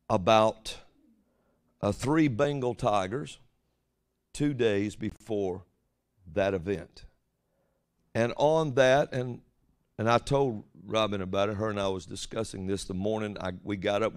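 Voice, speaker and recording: A man preaching an informal prophetic sermon in a folksy, rambling way, often putting rhetorical questions to his listeners. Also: on the low side.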